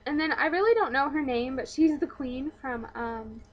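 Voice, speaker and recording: Young female vlogger, casual and rambling, slightly high voice, lo-fi camera mic. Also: moderate pace. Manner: chatty and rambling, with many likes and ums. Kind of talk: casual show-and-tell vlog.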